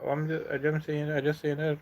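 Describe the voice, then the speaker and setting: A man with a Trinidadian accent, from Trinidad and Tobago, hosting a casual livestream chat in a relaxed way and reading out viewers' comments. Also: on the high side, brisk, dull audio. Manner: relaxed, reads comments aloud. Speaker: livestream host.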